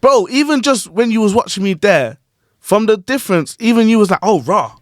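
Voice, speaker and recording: A man's voice: high-pitched, fairly quick, no echo, clean studio sound. Slangy man hosting a podcast. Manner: animated, slangy, repeats "you get what I'm saying". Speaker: podcast host and grime MC. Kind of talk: casual chat.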